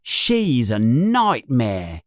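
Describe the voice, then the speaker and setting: A man's voice: medium pitch, huge pitch swings, extremely slow, dry recording, dull audio, exaggerated voice. A man voicing a grumpy, sulky schoolboy wizard in a storybook reading.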